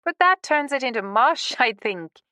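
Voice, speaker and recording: A woman voicing a spirited woman out at the pub, talking in a bright, lively way. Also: high voice, moderate pace, dry recording, pitched above the performer's own voice.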